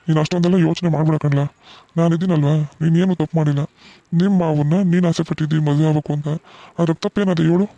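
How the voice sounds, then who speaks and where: Man playing a reassuring village dad in a cartoon, fast, gravelly, dark-toned, flat delivery. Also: a little high, no room sound, close to an everyday voice. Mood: comforting. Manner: soothing, reassuring. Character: gentle middle-aged village father, reassuring. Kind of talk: cartoon voice acting.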